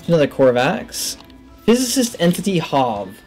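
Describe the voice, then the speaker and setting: His fairly high pitch swinging widely and his tone somewhat dark, a gaming video host in his thirties talks at a moderate pace over faint music. Through a headset he muses as he plays, reading game text aloud in casual let's play commentary.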